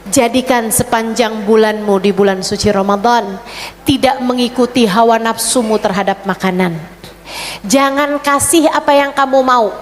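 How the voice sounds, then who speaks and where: A woman preacher giving a lively sermon, playfully acting out listeners and reciting prayers in between. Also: fairly high pitch, moderate pace. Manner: playful, acts out congregants and gulping sounds; switches between warm advice and Arabic recitation. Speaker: Islamic preacher. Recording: long hall reverb, faint background noise.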